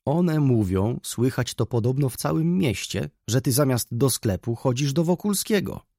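A fretful, pious old mother who laments and pleads, as a male reader voices her. Her voice is husky, pitched a bit higher than his own low register, and it swings widely through her worried lines. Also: expressive, moderate pace, dark tone, dry recording, clean studio sound. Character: anxious, pious elderly mother.

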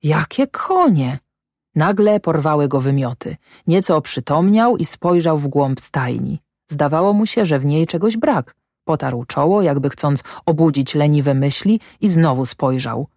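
Audiobook narrator, woman, low voice, dry close recording, measured and dramatic. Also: lively intonation, dark tone, dry recording. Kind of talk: scripted literary narration.

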